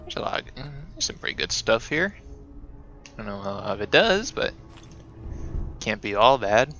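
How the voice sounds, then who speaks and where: A man's voice: on the low side, very animated, moderate pace, lo-fi sound. A man giving playful let's-play commentary, exclaiming and muttering to himself as he plays. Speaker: gamer. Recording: commentary over game music.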